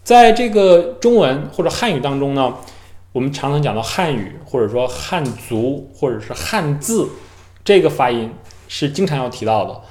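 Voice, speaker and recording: A man who teaches Chinese, talking casually and mimicking how his students pronounce words. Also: mid-range voice. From mainland China. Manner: lively, imitates students' careful tones and slow syllables. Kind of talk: casual talk to camera. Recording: echoey room.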